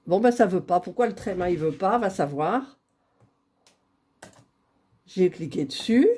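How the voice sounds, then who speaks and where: A woman's voice: on the low side, expressive, a little slow, warm tone, husky. A woman chatting casually while drawing giveaway winners on a computer, laughing at her own fumbling. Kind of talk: casual screen-recorded vlog.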